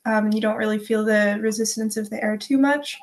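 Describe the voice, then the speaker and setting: Higher-pitched woman, earnest spiritual guest. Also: fairly even intonation, fairly quick. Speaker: channeler interviewed as guest. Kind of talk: unscripted spiritual interview talk.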